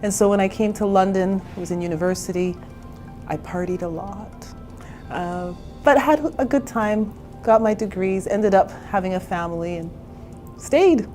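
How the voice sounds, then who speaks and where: A woman's voice: mid-range voice, moderate pace, darkish tone, faint music behind. A woman in her forties from Canada, a therapist and entrepreneur, telling her own story in a candid, chatty interview. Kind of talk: personal interview.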